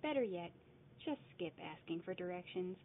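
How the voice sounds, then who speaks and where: A woman reads a scripted lesson on accents in a clear, deliberate manner, stretching out example words. Her voice sits in a middle range. The sound is narrow and phone-like, with a faint hiss underneath. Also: fairly low pitch, lively intonation. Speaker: narrator explaining a dialect. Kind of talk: scripted educational narration. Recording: lo-fi phone-like audio, faint noise.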